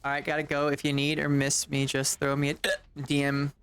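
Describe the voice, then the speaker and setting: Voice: mid-range voice, completely flat delivery, fairly quick, fairly bright tone, clean tone. A game streamer chatting casually with viewers while playing, chatty and exasperated, swearing now and then. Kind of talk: casual live-stream chat.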